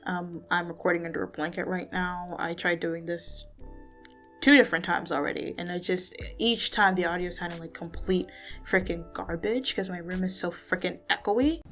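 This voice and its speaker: A woman's voice: on the low side, fairly even intonation, normal speed, a bit bright, soft background music. A tired woman vlogging in a rambling, casual way, her voice muffled because she is recording under a blanket. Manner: rambling, with many fillers and restarts. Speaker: YouTuber. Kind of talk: casual talking-head vlog.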